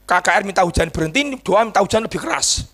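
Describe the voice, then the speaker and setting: A man with a high, husky, gravelly voice preaches. He tells stories in a lively, animated way, dropping into low asides and rising to shouted peaks. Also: rapid-fire. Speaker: pastor. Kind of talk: sermon.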